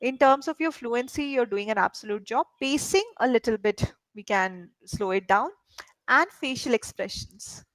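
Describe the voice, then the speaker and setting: A woman's voice: on the high side, expressive, normal speed, a bit bright, no echo, rough recording. A woman from India coaching a learner in spoken English, explaining patiently and checking in with frequent questions. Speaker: English tutor.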